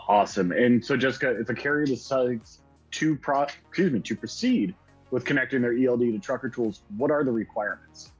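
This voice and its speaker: Man in his thirties, interview host, upbeat, husky tone, dull lo-fi webcam sound. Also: mid-range voice, brisk, faint music behind. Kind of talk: scripted company video interview.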